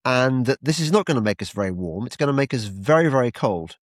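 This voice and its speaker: A man's voice: mid-range voice, lively intonation, fast talker, no room sound, studio quality. An older man interviewing a guest, often stumbling and repeating words as he starts a question.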